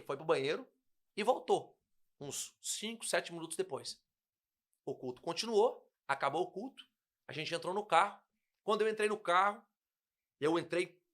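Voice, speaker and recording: A young man with a high-pitched voice gives a personal testimony in a casual chat. He tells the story with feeling and acts out the dialogue as he goes. The talk is earnest and personal. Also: a bit bright. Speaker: guest pastor.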